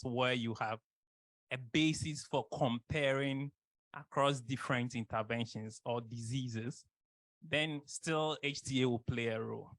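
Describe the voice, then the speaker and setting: A man explaining as a co-facilitator in a training session, in a measured, deliberate way. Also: medium pitch, a bit bright, no echo, low-quality recording. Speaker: co-facilitator, expert.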